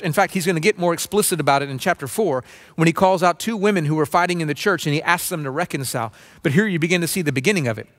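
A man in his forties preaching a sermon from a stage, earnest and conversational, often restarting phrases and mimicking a low grumble. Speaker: pastor. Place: dim stage with spotlights, seated at small table.

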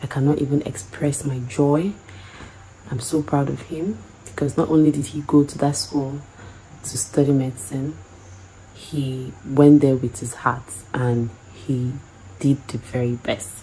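Tired, calm woman with a low, mellow voice. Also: a little slow, a little hiss or hum, rough recording. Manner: calm, gushing with pride. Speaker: graduate's wife. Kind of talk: casual talk to camera.

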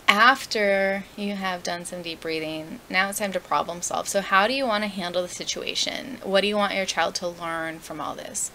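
A woman's voice: on the low side, gravelly, pushed and bright, slight background noise, rough recording. A young woman teaching parents how to handle toddler tantrums, earnest and conversational, often asking the viewer questions. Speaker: parenting educator. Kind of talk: direct-to-camera parenting advice.

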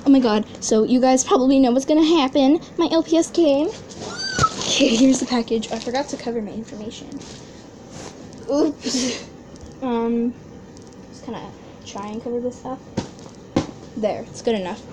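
A woman in a casual unboxing vlog at home, excitable and gushing, gasping often over what she finds. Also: fairly high pitch, moderate pace, pauses often, background noise. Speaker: toy unboxing vlogger. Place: at home indoors.

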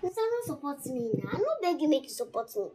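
A woman's voice: high voice, sing-song, quick pace, warm tone. An actress in a Nollywood film playing a defiant, boastful young woman who mocks and laughs, speaking with a Nigerian Pidgin accent. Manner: boastful, mocking, laughs often. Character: brash, defiant young woman scheming for a man. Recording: film soundtrack with music underneath.

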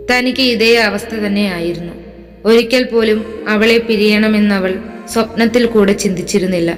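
A woman reading a family romance story aloud and voicing every character herself with little change. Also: medium pitch. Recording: long reverb with soft music.

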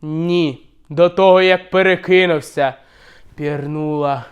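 A man voicing a hapless, tipsy hunter friend who shouts in long drawn-out cries and stammers. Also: a little high, fairly even intonation, smooth, dull audio, pitched below the performer's own voice. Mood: sheepish stammering.

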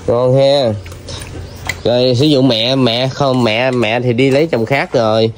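A man gently coaxes answers out of a child, filling gaps with soft fillers. His voice sits at an ordinary middle pitch. Clear background noise surrounds him outdoors. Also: fairly even intonation, a little slow. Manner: gentle, coaxing questions with many fillers. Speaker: vlogger interviewing a child. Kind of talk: casual street interview.

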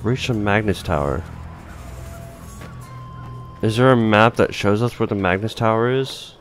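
A man's voice: fairly low pitch, measured pace, faint music behind. A man giving casual gameplay commentary, thinking aloud informally as he plays. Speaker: gaming video host.

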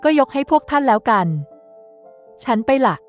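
A woman's voice: sits high, normal speed, faint music behind, voice pushed up, lightly acted. A woman voicing a bold young noblewoman who was once an assassin, with a brash, teasing manner. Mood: breezy. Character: young female assassin in a noble girl's body, cocky.

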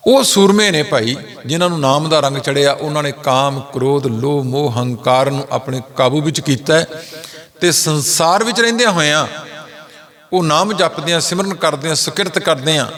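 A middle-aged man giving a sermon, slowly chanting scripture lines and then explaining them plainly. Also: fairly high pitch, a bit bright. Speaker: Sikh preacher.

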